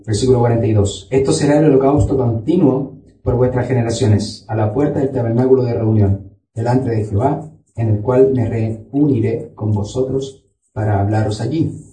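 A man's voice: medium pitch, normal speed, warm tone. Man preaching in an echoey hall. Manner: teaching Bible study, reads scripture aloud. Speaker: pastor. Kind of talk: sermon. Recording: echoey room, voice from far off.

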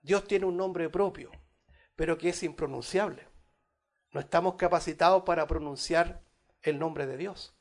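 A man with a high-pitched voice delivers a teaching sermon, calling his listeners brothers. He swells loudly when reading scripture and sinks low and quiet for his side remarks. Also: normal speed. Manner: teaching Bible study, addressing listeners as brothers; rises in volume on scripture, drops low on asides. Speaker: pastor.

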